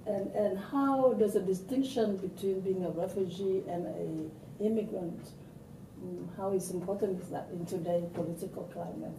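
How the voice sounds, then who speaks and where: A woman with a Vietnamese accent interviewing a guest in polite, hesitant English, with many fillers and soft backchannels. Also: normal speed. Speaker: journalist and interviewer. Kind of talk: interview hosting, Vietnamese intro then English questions. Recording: echoey room, from a distance, faint rumble.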